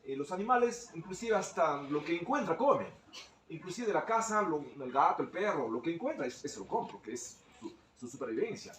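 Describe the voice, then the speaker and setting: A man's voice: a little high, big pitch swings, brisk, a bit bright, echoey room, distant mic, slight background noise, rough recording. A male teacher speaking up in a training session, explaining things at length and often ending phrases with a tag question.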